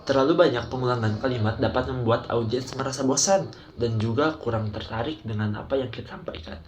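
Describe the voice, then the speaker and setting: A man's voice: medium pitch, brisk. A young man student presenting a training module, explaining numbered points in a casual tone. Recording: crowd noise in the background.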